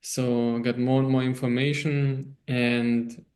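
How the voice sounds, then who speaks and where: A man from Austria with a German accent, a guest on an online interview, talking loosely with pauses and frequent laughs. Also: medium pitch, little pitch movement, a little mellow. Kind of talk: casual interview over video call. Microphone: video call.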